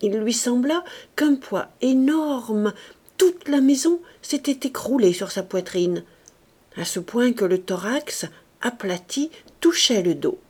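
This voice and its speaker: Give me a slow, breathy woman narrating a literary audiobook. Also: fairly high pitch, expressive, a little mellow. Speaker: audiobook reader.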